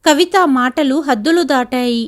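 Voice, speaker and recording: A woman's voice: high voice, normal speed, natural voice. A woman reading the lines of a stubborn, short-tempered young husband in a spoken family story, curt and defiant. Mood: stern.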